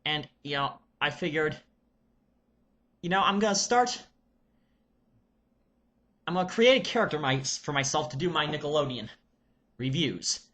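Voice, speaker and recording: A man talking casually as a video reviewer, halting and deliberate, with frequent pauses. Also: on the high side, bright, forceful tone. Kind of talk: casual vlog announcement.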